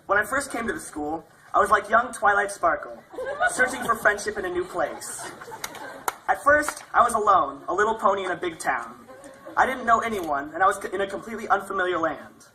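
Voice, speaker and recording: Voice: medium pitch, animated, a little fast, crowd noise, poor audio. A young adult speaker delivering a prepared graduation speech as a graduating student.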